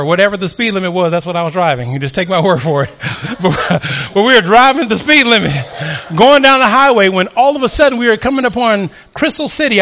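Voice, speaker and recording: A male pastor delivering a sermon and telling of his own experience. His voice sits high and sounds bright and forceful. He preaches with fervor that keeps building in volume. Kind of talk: sermon with personal testimony.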